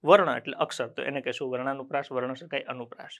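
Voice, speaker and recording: A man's voice: mid-range voice, steady tone, fast talker, fairly bright tone. A man with a Gujarati accent teaching an exam-prep grammar class. He asks the class questions and answers them himself, repeating key terms so they stick.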